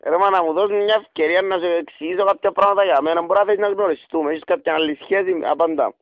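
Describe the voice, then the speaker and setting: A man's voice: sits high, dry recording. A man with a Cypriot Greek accent making a radio prank phone call, pleading and rambling theatrically with cooing pet names. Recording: dull radio recording.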